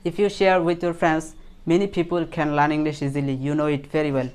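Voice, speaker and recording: A woman's voice: sits low, very slow, darkish tone, clear, resonant tone. A woman teaching English pronunciation in Bengali, repeating each example word several times and asking questions she answers herself. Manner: asks the class questions and answers them herself. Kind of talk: spoken English lesson in Bengali.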